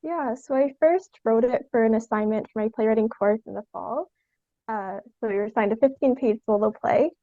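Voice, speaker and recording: A young adult Canadian woman, a theatre artist, chats informally in a casual interview, often giggling mid-sentence. Her voice sits on the high side and runs a little fast. The recording is dry, with phone-quality sound.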